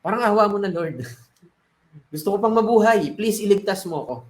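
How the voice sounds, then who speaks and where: A stubborn man who prays desperately and snaps at anyone who tries to help, as a man acts him out. He pleads and then turns indignant. The voice sits high and sounds roomy, with a noticeable echo. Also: animated, moderate pace. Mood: pleading. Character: desperate praying man, stubborn, grows irritable.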